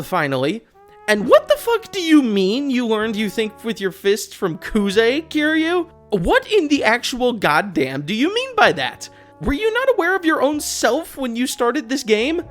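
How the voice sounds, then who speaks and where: A channel host and video essayist rants about a video game with sarcastic, exasperated, opinionated commentary, swearing along the way. His medium-pitched voice is very animated at a moderate pace, with faint music behind.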